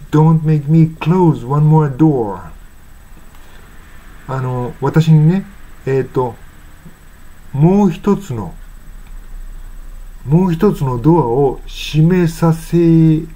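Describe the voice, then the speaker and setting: A man with a mellow, dark-toned voice teaches the meaning of song lyrics. He talks in an unhurried, halting way, pausing on fillers. He reads the English lines out slowly and carefully. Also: mid-range voice, highs cut off.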